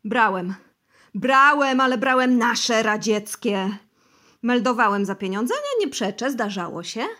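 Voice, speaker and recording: A woman voicing a heavyset, frightened middle-aged official who pleads, shouts and swears his innocence in an audiobook. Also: fairly high pitch, big pitch swings, slow pace, few pauses, full character voice. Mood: pleading. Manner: shouting, pleading, crossing himself.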